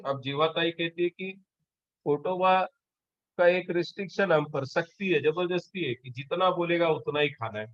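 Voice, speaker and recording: Male teacher, reads lines with a lift then explains them, a touch high, dull close recording. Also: no room sound. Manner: reads lines aloud with a slightly raised, livelier voice, then explains them slowly. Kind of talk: classroom lesson, reading and explaining a text. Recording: dull, muffled sound.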